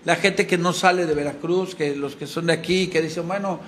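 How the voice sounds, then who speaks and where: A man's voice: a little high, steady tone, fairly quick, fairly bright tone, a little hiss or hum. A man at a press conference speaking earnestly and thankfully about his comedy play. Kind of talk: promotional talk.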